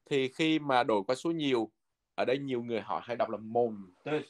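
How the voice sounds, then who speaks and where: A man teaching a language lesson from a textbook, patiently repeating words slowly so learners can follow. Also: medium pitch.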